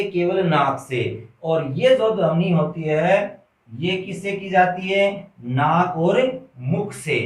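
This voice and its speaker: A man teaches children a grammar lesson at an unhurried pace, posing questions and answering them himself. His voice sits a little high for a man. The sound is roomy and distant from the mic. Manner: slow, repetitive question-and-answer drilling, addresses children as "beta". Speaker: Hindi teacher.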